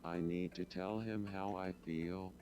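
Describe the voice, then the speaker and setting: A synthetic-sounding man's voice playing a lovestruck, dim-witted cartoon game character, earnest and creaky. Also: low voice, fairly even intonation, unhurried, darkish tone, soft background music. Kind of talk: game character text read aloud.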